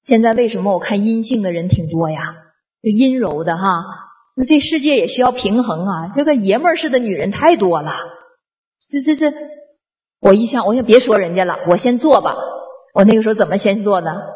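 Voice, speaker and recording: A woman speaks to an audience at a mid pitch. She tells stories in a chatty, animated way, acts out the dialogue, and often stumbles and restarts. Her talk is loose and colloquial, like a testimonial. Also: brisk. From northeast China. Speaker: public speaker on traditional culture.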